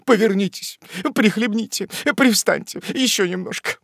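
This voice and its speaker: A man's voice: sits high, normal speed, creaky, fairly bright tone, dry recording, clean studio sound, voice pushed up. A man voicing a compassionate elderly landlady who clucks and fusses over a patient. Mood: fussing. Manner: fussy, clucking. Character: compassionate elderly female innkeeper, fussing.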